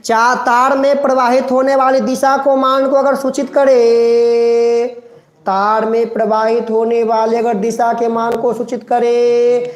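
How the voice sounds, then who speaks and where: A male teacher giving a live online class, repeating each phrase slowly and coaxing students to recite along. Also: very high-pitched, level tone. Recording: roomy echo.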